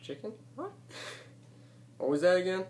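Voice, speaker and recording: In a noisy homemade recording of his prank call video, a man sits high in pitch and sounds very animated, speaking at a moderate pace with a darkish tone. He swears freely, joking crudely and rambling along.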